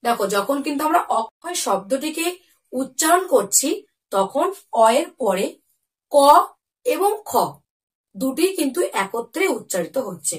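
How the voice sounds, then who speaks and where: In a high-pitched, sing-song voice, a woman teaches Bengali to young children, asking questions and then answering them on her own. She says each example word slowly and clearly, and the recording is made from a distance.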